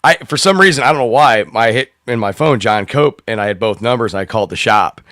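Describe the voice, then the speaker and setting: A slightly hoarse man hosting a live open-mic stream, rambling, swearing and laughing in casual chat. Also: medium pitch, fast, fairly bright tone, no room sound, clean studio sound.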